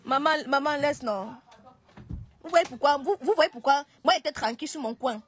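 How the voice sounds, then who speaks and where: High-voiced woman live streaming. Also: moderate pace, slight background noise. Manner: hesitant, restarts and pleads. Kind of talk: casual live-stream talk.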